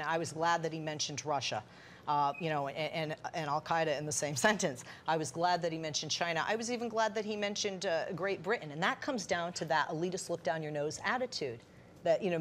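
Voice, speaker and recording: A woman giving political commentary on a panel, emphatic and quick to restart her sentences. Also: deep voice, a bit bright, slight background noise. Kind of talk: panel discussion.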